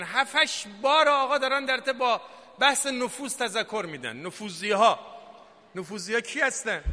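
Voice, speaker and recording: Man, Friday preacher, fiery political sermon, very high voice, long hall reverb. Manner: fiery, rising to shouted declamation.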